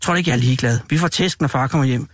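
A man's voice: medium pitch, no room sound, clean studio sound, lightly acted. A man voicing a bossy, scornful big brother, a boy who orders his sibling about. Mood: urgent. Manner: bossy, contemptuous.

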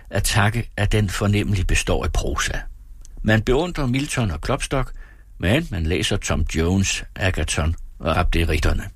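A man with a low, slightly breathy voice reads an old essay aloud with theatrical flair. His delivery leaps up and drops down again. The sound is close and dry. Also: dry recording. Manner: theatrical, swings between high and low. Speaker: reader. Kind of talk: dramatic reading of an old essay.

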